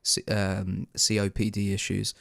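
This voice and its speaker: A man's voice: on the low side, monotone, measured pace, vocal fry, a bit bright, no echo. Guy cohosting a podcast, lots of ums, sarcastic, dry close mic. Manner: hesitant, many fillers, sarcastic. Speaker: podcast co-host. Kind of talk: casual chat.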